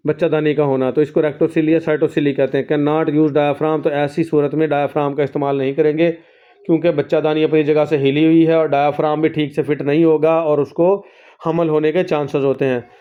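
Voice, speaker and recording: Slow, steady man teaching a class. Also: a little high, smooth. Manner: reads English lines slowly then explains each, calls students "beta". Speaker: nursing course teacher. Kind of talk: lecture reading and explaining textbook. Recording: slightly dull lo-fi recording.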